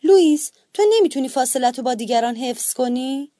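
A woman's voice: high-pitched, lively intonation, mellow, no echo, studio quality. A woman reading a storybook, voicing an exasperated female schoolteacher who scolds sharply. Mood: angry.

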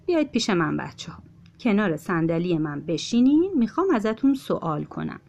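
A woman voicing a patient father rabbit who speaks calmly and gently. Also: fairly low pitch, natural voice. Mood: gentle. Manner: calm and gentle.

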